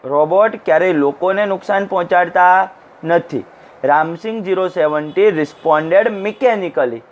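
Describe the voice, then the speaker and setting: A male teacher with a high-pitched voice talks through a lesson text. He translates each phrase as he goes and acts out short bits of dialogue. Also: a little slow, lo-fi sound. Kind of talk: classroom lecture explaining an English text. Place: recorded for an online class.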